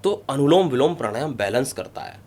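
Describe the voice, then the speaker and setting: A man's voice: medium pitch, animated, brisk, darkish tone. A man, a yoga guru, explaining breathing exercises step by step in an interview, emphatic and repetitive. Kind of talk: instructive interview talk.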